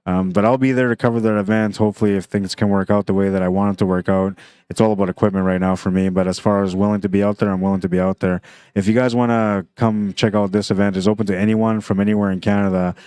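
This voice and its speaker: Low, flat-voiced male pool commentator. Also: fast, clear, resonant tone. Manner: chatty, thinks aloud about shots. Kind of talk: casual play-by-play commentary.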